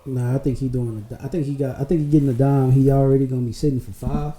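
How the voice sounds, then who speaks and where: A man's voice: mid-range voice, steady tone, fast, dark tone, roomy sound, poor audio. A man co-hosting a podcast, talking casually in slang and repeating his points. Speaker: podcast co-host. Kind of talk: casual chat.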